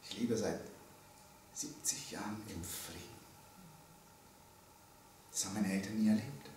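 Asking his audience questions and pausing for weight, a theology professor in his early seventies lectures publicly in a deliberate, emphatic manner. His voice sits on the low side with a darkish tone. He's recorded in an indoor seminar room through a stand mic, sounding distant in a very echoey space with faint noise.

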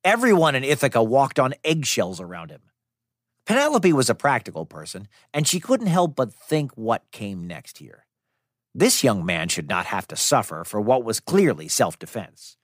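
His medium-pitched voice swoops wildly as he narrates, at normal speed, a scripted myth for children, dramatic but conversational. He is a storyteller and podcast host, and the echo-free, dry studio recording has music in the background.

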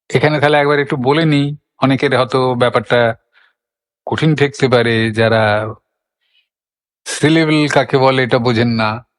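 Older male recitation teacher, patient explainer, middle pitch, long hall reverb. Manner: patient, explanatory, asks and answers his own questions. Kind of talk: recitation lesson.

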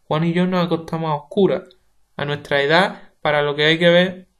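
A man's voice: on the high side, steady tone, normal speed, a bit bright, natural voice. A man with a Spain Spanish accent reading the part of an outspoken, gossiping middle-aged neighbor woman in a play audiobook. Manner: blunt, nosy, gossiping.

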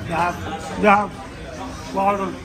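A man's voice: high-pitched, flat delivery, a little slow. A man, reviewing food in a casual, enthusiastic way while talking with his mouth partly full. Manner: enthusiastic, exclaiming over food. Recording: loud music and crowd behind.

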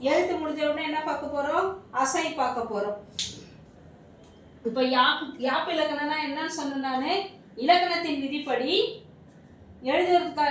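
A woman's voice: high voice, a little hiss or hum. A woman teaching grammar in a classroom lesson, asking the class questions and answering them herself, over and over. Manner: repetitive, quizzing questions then answering them. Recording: echoey room, mic far off.

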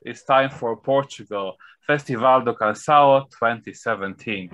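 Over a webcam on a video call, a thirtysomething male host reads out a panel review's running order, stumbling on foreign names. He's in a home room with shelves, and his medium-pitched voice moves at a moderate pace, a bit bright, with no room sound.

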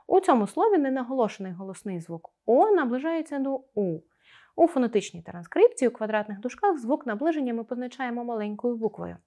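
Woman teacher, scripted video lesson, careful articulation, animated, somewhat high delivery. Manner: careful, articulated pronunciation of sounds; expressive, explaining to pupils.

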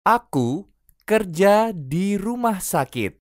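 Slow, lively phrase-drill reader. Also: medium pitch, no echo, studio quality. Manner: slow, careful, each phrase repeated three times. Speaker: language teacher.

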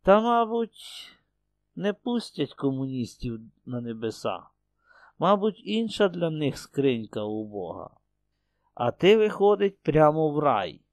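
A proud young village wife speaks sharp and reproachful in a lifted, higher voice, as a male audiobook reader puts her on. The sound is dry and close. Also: big pitch swings, unhurried, no room sound. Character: young village beauty, a married woman, sad and proud.

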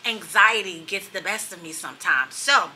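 A middle-aged woman talks casually to her phone camera in a hotel room, rambling from one thing to the next with lively asides. Her voice is very bright and forceful. A faint hiss sits under the recording. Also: mid-range voice, moderate pace. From New York. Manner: chatty, rambling, animated asides. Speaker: vlogger. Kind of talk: casual vlog chat.

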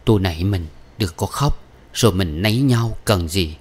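A man's voice: lowish voice, animated, normal speed. A man reading an audiobook, voicing a blunt, hot-headed young laborer close to his own voice.

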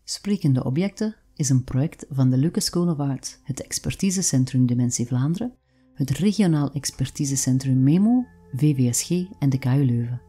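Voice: mid-range voice, animated, moderate pace, warm tone, husky. A narrator with a Flemish accent reading a short personal story from a script.

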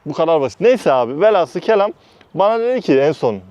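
A man from Turkey telling a heated story about his workplace, blunt and animated, repeating "I said" between quoted lines. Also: a little high, fast talker, no echo. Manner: heated, animated retelling with constant "dedim" between quoted phrases; blunt, uses mild swearing. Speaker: vlogger recounting work experiences. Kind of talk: casual storytelling.

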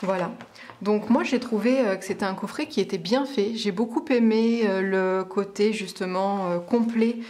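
A woman's voice: medium pitch, moderate pace, darkish tone. A woman tarot reader talks casually to camera as she reviews a boxed set. She speaks in a chatty, hesitant way, full of filler sounds, and now and then reads aloud from a booklet.

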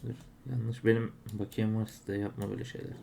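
A man's voice: on the low side, little pitch movement, a little fast, vocal fry, warm tone, a little hiss or hum. A man narrating his case openings as he plays, grumbling and exclaiming whenever he loses. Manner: frustrated, exclaiming at losses. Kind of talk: live commentary while opening cases.

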